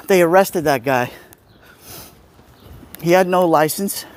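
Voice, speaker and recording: A man's voice: fairly high pitch, slow pace. A middle-aged man with an Italian-American Brooklyn accent, chatting casually to viewers as he livestreams a walk outdoors. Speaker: livestream host. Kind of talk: casual walking livestream chat, replying to viewers. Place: outdoors walking on a city street. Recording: outdoor street noise. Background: street ambience, passing vehicles.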